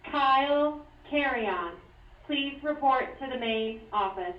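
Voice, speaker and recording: A woman making a formal announcement over a school intercom loudspeaker, heard in a classroom. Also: sits high, animated, slow. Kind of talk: public address announcement. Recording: muffled echoey loudspeaker heard from far off.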